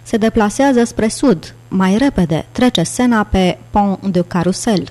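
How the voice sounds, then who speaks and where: A woman's voice: mid-range voice, dark tone, natural voice. A woman voicing a frantic male police lieutenant, calling out urgently over a radio in an audiobook.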